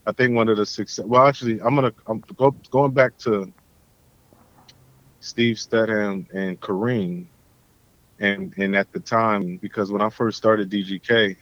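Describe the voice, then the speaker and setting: A man's voice: on the low side, steady tone, unhurried, a bit bright, dry recording, dull audio. A man from Philadelphia, a guest on a podcast, talking in a laid-back, slangy, emphatic way. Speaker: guest, pro skateboarder. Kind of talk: casual chat.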